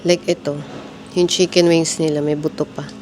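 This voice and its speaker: A woman's voice: low voice, flat delivery, normal speed, darkish tone. Chatty woman vlogging on a noisy camera. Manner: chatty, keeps addressing viewers as guys. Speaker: family travel vlogger. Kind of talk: casual vlog narration to camera. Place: hotel laundry room and convenience store abroad. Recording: noisy handheld vlog audio.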